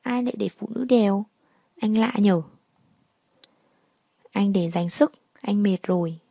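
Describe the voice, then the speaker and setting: A woman's voice: mid-range voice, a little slow, vocal fry, mellow, dry recording. A woman voicing a cheerful young husband who teases his wife, read as a storybook character. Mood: teasing.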